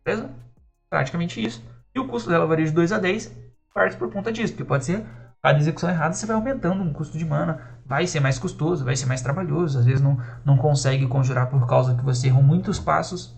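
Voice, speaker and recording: Guy explaining rpg magic rules, kinda high voice, chatty, lots of ok? and right?, faint music under it. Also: fast talker, gravelly, a little mellow. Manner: loose, conversational, many fillers and rhetorical checks. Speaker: tabletop RPG system designer explaining rules. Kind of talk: casual explanatory lesson.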